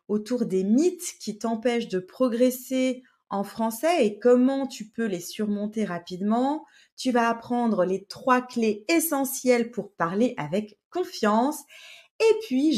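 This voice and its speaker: Woman, podcast language teacher, unhurried, patient, hesitant, addresses the learner. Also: a little high, darkish tone. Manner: slow, patient, with many hesitations; speaks directly to the learner. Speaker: French teacher and podcast host.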